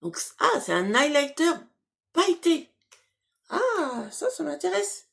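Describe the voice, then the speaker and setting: A woman's voice: high voice, sing-song, takes it slowly, vocal fry, fairly bright tone. A woman casually chatting to her viewers while unboxing beauty products, hesitant, with many fillers and restarts, laughing at herself. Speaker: beauty box unboxing vlogger.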